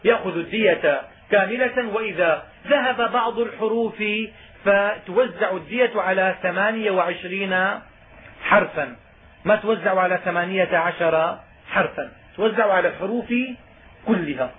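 A man with a high voice teaches a class, reading a passage from a legal book and then explaining it in plain words, stressing each point. The sound is thin and phone-like, with a faint hiss behind him. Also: moderate pace. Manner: reads a line of the text, then explains it in colloquial speech, with rising emphasis. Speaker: teacher of Islamic jurisprudence. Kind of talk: explaining a legal text in a lesson.

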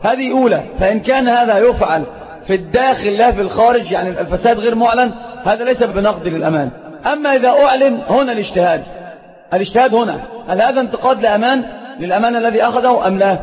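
A man with an Egyptian accent giving a religious lecture as a sheikh, emphatic and stressing key points forcefully. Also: high voice, very fast. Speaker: sheikh teaching a religious lesson. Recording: lo-fi recording in an echoey hall.

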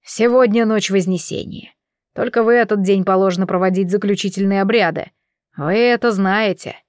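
A woman's voice: mid-range voice, normal speed, darkish tone, no echo, clean studio sound, natural voice. A woman reading the part of a stern, domineering elder man with a cold, commanding manner.

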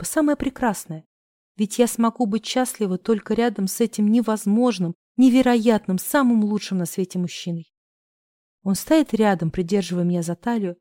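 A woman's voice: mid-range voice, mellow, dry recording, studio quality. A woman narrating a first-person novel in an emotive, heartfelt way. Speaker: audiobook narrator.

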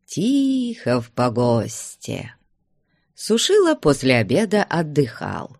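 A man narrating a classic novel in a measured, unhurried storytelling manner. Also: medium pitch, a little mellow, no room sound, studio quality. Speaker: audiobook narrator.

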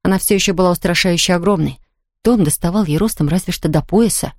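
A woman's voice: fairly low pitch, fast, a little mellow, dry recording, clean studio sound. Woman narrating a spooky children's book. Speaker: audiobook narrator. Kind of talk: scripted narration.

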